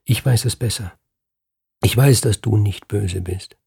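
A man's voice: fairly low pitch, unhurried, creaky, mellow, slightly rough, exaggerated voice. A man voicing a kind, self-sacrificing farmer's wife in a fairy tale reading. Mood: earnest.

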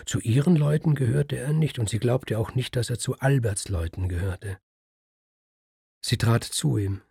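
A man reading a story aloud in a calm, measured way. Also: medium pitch, creaky, husky, dry recording, studio quality. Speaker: narrator.

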